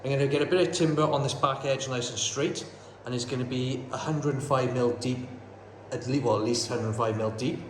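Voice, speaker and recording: This is a builder and carpenter narrating a casual DIY vlog, practically laying out his renovation step by step as he works. His voice is medium in pitch with fairly even intonation and a fairly quick pace. The phone he holds while working records a bare, echoey bungalow room under renovation indoors, with faint noise.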